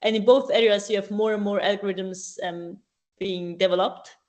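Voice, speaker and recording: A woman's voice: medium pitch, fairly even intonation, moderate pace, a little mellow. Hesitant woman answering questions. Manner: hesitant, many ums and restarts. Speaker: speaker at a student AI event. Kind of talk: casual live Q&A answers.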